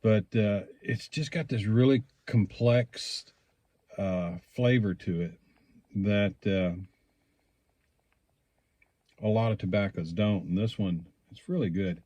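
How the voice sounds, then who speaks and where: A man giving a casual, rambling product review, speaking in a hesitant, unhurried way as he thinks aloud. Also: lowish voice, mellow, dry recording. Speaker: pipe tobacco reviewer.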